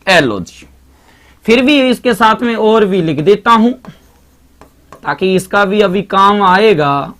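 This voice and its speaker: A man's voice: high-pitched, fairly bright tone. A male teacher with a Marwari accent giving a live online grammar lesson, chatty and repetitive, constantly reminding students to pay attention.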